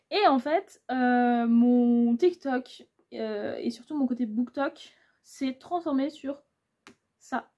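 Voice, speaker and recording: A young woman in her twenties talks through her reading plans in a loose, rambling way, full of fillers. Her voice sits high but sounds mellow and soft-edged. The recording is slightly dull and lo-fi. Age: 20s. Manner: chatty, rambling with many fillers. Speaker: booktuber. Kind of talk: casual book haul chat.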